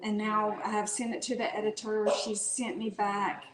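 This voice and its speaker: Her mid-range voice moves at normal speed as she chats casually, a North Carolina author with a Southern accent being interviewed. She stays relaxed, using fillers and restarting sentences, and the room is echoey.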